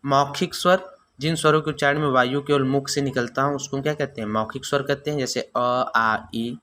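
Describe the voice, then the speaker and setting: Male teacher, mid pitch, repetitive question-and-answer delivery, faint background noise. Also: fairly even intonation, fast, fairly bright tone. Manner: asks and answers his own questions, repeats terms. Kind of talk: exam-prep grammar lesson.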